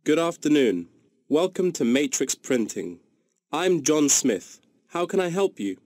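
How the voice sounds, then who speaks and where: A man's voice: fairly high pitch, big pitch swings, unhurried, a little mellow, dry recording, clean studio sound. A man playing a courteous printing company employee in a scripted listening-test dialogue.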